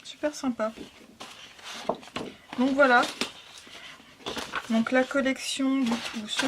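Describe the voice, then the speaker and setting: A woman hosting a casual scrapbooking haul, talking softly and hesitantly with frequent fillers. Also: fairly high pitch, noisy background. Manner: soft, hesitant, lots of fillers. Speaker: scrapbooking vlogger. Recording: packaging crinkles and clicks behind.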